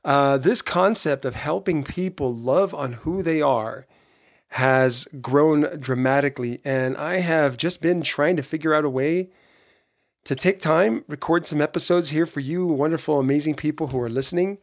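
A man with a hoarse voice giving an earnest, emphatic motivational podcast monologue, talking straight to listeners. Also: fairly high pitch, moderate pace. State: hoarse voice from being run down. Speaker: podcast host.

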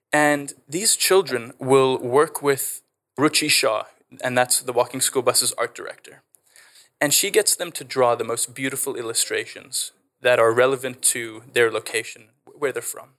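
A man's voice: medium pitch, a bit bright. A man with a Canadian South African accent, an edtech founder explaining his work in a podcast interview with eager, fluent enthusiasm.

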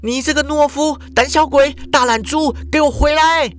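A man doing a shrill, fiery young woman. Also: fairly even intonation, fairly quick. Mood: furious scolding. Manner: shrill, shouting, nagging.

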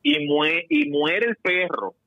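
A man's voice: fairly high pitch, animated, slow pace, no echo, muffled recording. A man hosting a casual podcast, telling stories animatedly and swearing casually. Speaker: podcast host.

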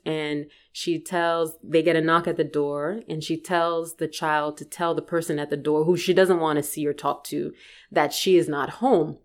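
A woman from Liberia, an author and academic, answering interview questions in an articulate, animated way and laughing readily. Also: low voice.

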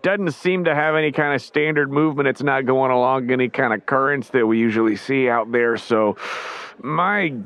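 A man's voice: mid-range voice, moderate pace, fairly bright tone, natural voice. A man voicing a friendly, hesitant male weather assistant who rambles with lots of "uh" and "well". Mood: easygoing. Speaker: game master voicing a character.

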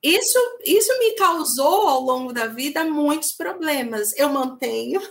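A woman speaks in a notably high voice. She makes firm, blunt, emphatic points in a casual group discussion. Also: expressive, a little slow. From Northeastern Brazil. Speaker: discussion panelist.

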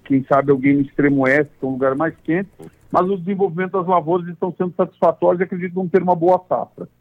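A man from Santa Catarina, speaking over a landline phone as a farm association president in an interview, plain-spoken with halting restarts. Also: on the high side, steady tone, dry recording. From Santa Catarina, Brazil. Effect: over a landline phone line. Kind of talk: phone interview, casual explanation. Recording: tinny dry phone line.

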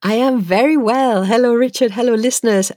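A woman's voice: on the high side, brisk, darkish tone, dry recording, clean studio sound. A woman chatting casually as the co-host of a podcast.

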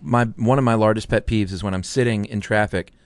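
A man with a low, smooth, resonant voice co-hosts a casual podcast chat. He is wry and dry, and drops in stories about his own driving. The sound is close and dry, with no room around it. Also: a little fast, no room sound. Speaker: podcast co-host. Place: lives in Atlanta.

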